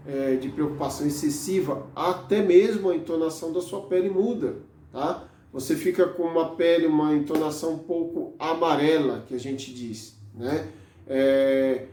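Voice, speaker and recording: A man's voice: on the high side, dark tone. A man, a therapist talking casually to camera, explaining step by step with frequent tag questions. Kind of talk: educational talk to camera. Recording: echoey room.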